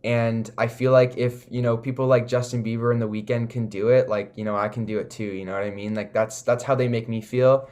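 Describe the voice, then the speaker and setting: Talking briskly with hardly any pauses, this young Toronto-born recording artist is an earnest, casual interview guest whose speech is packed with "like" and "you know". He has a Canadian accent and a medium-pitched, level, slightly mellow voice.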